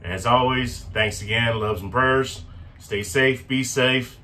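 A man's voice: mid-range voice, fairly even intonation, slow pace, sharp tone. A man hosting a casual cooking vlog at an outdoor grill, upbeat and repeating words for emphasis. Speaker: cooking channel host.

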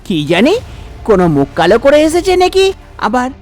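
A woman's voice: a little high, big pitch swings, a little fast, a little mellow, soft background music. A woman voicing a scolding middle-aged mother in a cartoon, exasperated and lecturing.

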